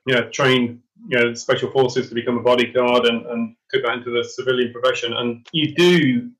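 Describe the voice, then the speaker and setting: A middle-aged man guesting on a podcast, with a voice of ordinary pitch. He talks earnestly and reflectively, often stumbling over repeated words as he begins a new point. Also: fairly even intonation, a little fast, fairly bright tone, poor audio. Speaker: podcast guest, former special forces soldier. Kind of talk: casual interview chat.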